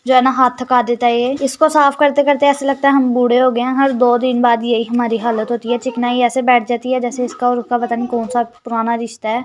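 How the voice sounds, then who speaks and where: A woman's voice: on the high side, flat delivery, fairly quick, few pauses, a little hiss or hum. A teenage girl narrating a casual home vlog, chatty and complaining about her sisters. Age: teens. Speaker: vlogger.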